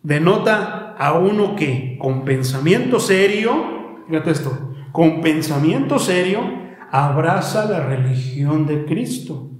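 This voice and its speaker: Emphatic Mexican preacher, fairly high male voice, rhetorical questions, very echoey church hall. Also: lively intonation, slow pace. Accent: Mexican Spanish. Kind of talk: sermon.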